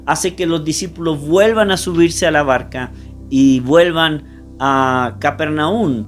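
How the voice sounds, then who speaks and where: A male pastor preaching a sermon in an emphatic way, often turning to speak directly to his listeners. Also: mid-range voice.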